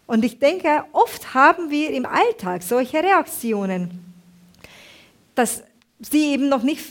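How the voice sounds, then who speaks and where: A woman from Hungary, giving a sermon with a personal story, halting and often searching for words. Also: sits high, sing-song.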